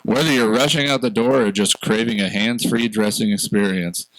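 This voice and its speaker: Podcast co-host, male, lowish voice, casual chat, dry close sound. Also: moderate pace, dry recording, low-quality recording. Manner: laughs often, reads ad copy in a put-on commercial tone. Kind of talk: casual chat, reading a mock ad.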